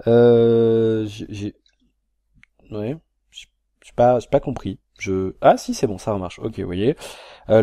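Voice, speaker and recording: A man's voice: medium pitch, dark tone, no echo, clean studio sound. A man casually reviewing a phone on camera at home, rambling and hesitant, with lots of fillers and restarts. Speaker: tech reviewer. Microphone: built-in camera mic, camera resting on a box.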